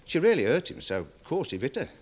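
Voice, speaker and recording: An actor playing a nervous, deferential security guard testifying in a 1970s television courtroom drama, rambling with many fillers. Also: male voice, mid-range voice, big pitch swings, fast talker, darkish tone. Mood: worried, defensive. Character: nervous security guard witness, dog handler. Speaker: witness in court.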